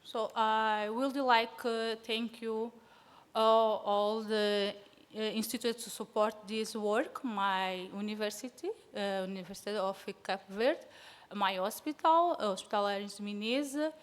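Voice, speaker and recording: A conference presenter from São Tomé and Príncipe, with Portuguese as her first language, gives an academic talk in a reverberant hall. She sounds nervous and hesitant, using many fillers, and her clean, medium-pitched voice moves a little slowly with fairly even intonation.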